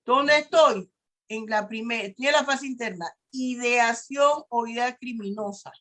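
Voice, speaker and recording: Woman, law lecturer, fairly high voice, slow unhurried delivery, step-by-step explanation. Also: bright, forceful tone. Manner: explains step by step, acting out a first-person example. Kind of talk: university lecture.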